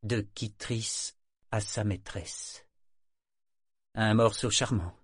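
A man voicing a wounded pirate captain in pain, speaking weakly in a low, tired voice. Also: fairly even intonation, takes it slowly, husky, no room sound, studio quality. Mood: weary low. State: in pain, weak.

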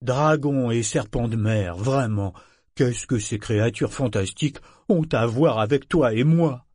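A man voicing a brooding, wary male figurehead of a living ship in an audiobook, raised in pitch and speaking with tense, evasive replies. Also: measured pace, a little mellow, dry recording, studio quality, lightly acted.

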